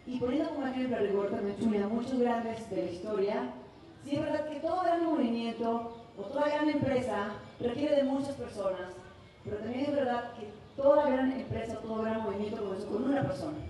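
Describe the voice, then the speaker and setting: A Mexican woman in her thirties giving a talk at a university, telling a story and acting out the scene. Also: a little high. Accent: Mexican Spanish. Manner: lively storytelling, acts out the scene. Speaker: speaker. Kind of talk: conference talk. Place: university auditorium. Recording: very echoey hall, distant mic, faint noise.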